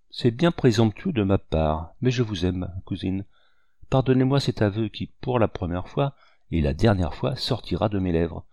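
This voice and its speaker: A man's voice: lowish voice, warm tone, dry recording, studio quality. A man reading the part of a lovesick young nobleman in an audiobook, earnest and dignified.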